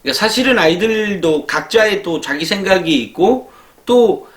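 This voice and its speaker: Lively-voiced man giving an admissions talk. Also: sits high, normal speed. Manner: conversational, many fillers and rhetorical questions. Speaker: college admissions advisor. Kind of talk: lecture-style talk. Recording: echoey room.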